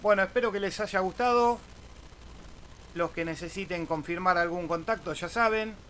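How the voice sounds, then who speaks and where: Bright and forceful, this man's high voice moves at a normal pace through an easygoing screen-share tutorial on amateur radio for his YouTube audience. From Argentina, he habitually adds a questioning "eh?" to his phrases, and background noise is clearly present.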